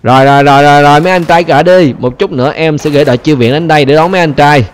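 Excited chatty man doing game commentary. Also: a little high, very fast. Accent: Vietnamese. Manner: excited, chatty, repeats phrases, addresses viewers. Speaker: gaming channel host.

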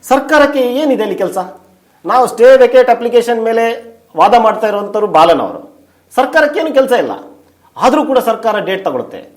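A man's voice: very high voice, big pitch swings, brisk. A man, a journalist and writer, answering interview questions in detail, emphatic and full of rhetorical questions. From India.

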